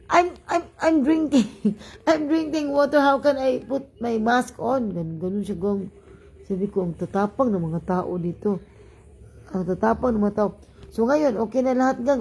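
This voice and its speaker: Husky-voiced Filipina vlogger with Cebuano lilt. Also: female voice, medium pitch, rough recording. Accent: Cebuano-tinged Filipino. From Philippines (Cebu). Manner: animated, acts out quoted people, laughs often. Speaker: vlogger living abroad. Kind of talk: casual storytelling chat.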